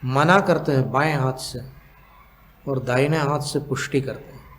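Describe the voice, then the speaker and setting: A monk giving a sermon, explaining slowly with long pauses, asking the audience questions and chanting scriptural verses in a drawn-out cadence. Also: male voice, mid-range voice, a bit bright. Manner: asks the audience questions to teach. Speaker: monk giving a religious discourse.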